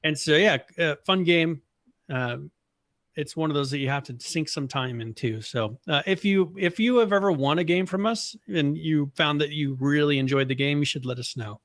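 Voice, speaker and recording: A man from the American Northwest co-hosting a podcast in casual chat, talking in a relaxed, rambling way with lots of fillers. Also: on the high side, normal speed, no room sound. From Boise, Idaho area of the US. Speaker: podcast co-host.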